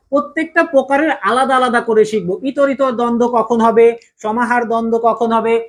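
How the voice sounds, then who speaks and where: A woman teaching a casual grammar lesson, patiently repeating key points and asking the class rhetorical questions. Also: a little high. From Bangladesh.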